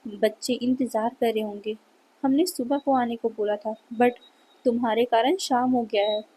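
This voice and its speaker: A cheeky young man who mocks and teases his partner, as a woman reads him aloud. The voice sits fairly high and mellow, with a soft husky edge. It comes across as a storybook read-aloud of fan fiction rather than full acting. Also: fairly even intonation, moderate pace, low-quality recording. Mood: teasing. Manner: teasing, mocking.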